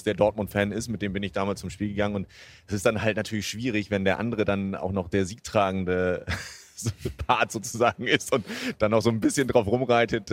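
A man in his thirties from Bremen, chatting in an outdoor interview with many fillers and restarts. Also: on the low side. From Bremen, Germany. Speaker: interviewee, football fan. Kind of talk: casual interview. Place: outdoors at a stadium.

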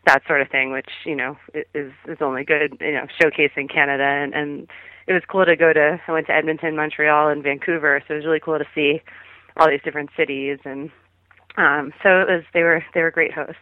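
A woman's voice: sits low, dry recording. A woman guest talks over a phone line that sounds thin and tinny. The sound is close and dry, with no room around it. She rambles casually, piling up fillers and restarts as she tells her story. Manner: chatty, rambling with many fillers. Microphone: phone call.

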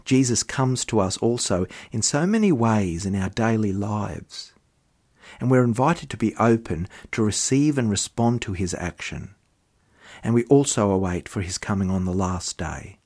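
A man, a clergyman, delivering scripture readings and a homily in a measured liturgical style. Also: fairly low pitch, expressive, a little mellow.

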